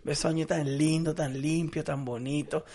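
A man's voice: fairly high pitch, fairly even intonation, normal speed, darkish tone. A young man with a Venezuelan accent, co-hosting a casual podcast and telling crude stories. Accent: Venezuelan Spanish. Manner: storytelling, crude, emphatic. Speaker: podcast co-host. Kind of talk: casual chat.

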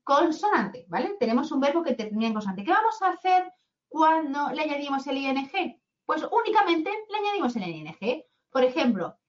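Woman, English teacher, chatty, high voice, muffled lo-fi sound. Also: big pitch swings, fairly quick. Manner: chatty, asks "¿vale?" often. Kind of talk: online grammar lesson. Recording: dull lo-fi sound.

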